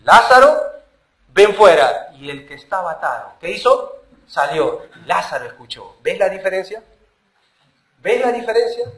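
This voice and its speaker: A man preaching a sermon as pastor, emphatic, with rhetorical questions and sudden drops to a quiet voice. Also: high-pitched, sing-song, normal speed, rough recording. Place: church.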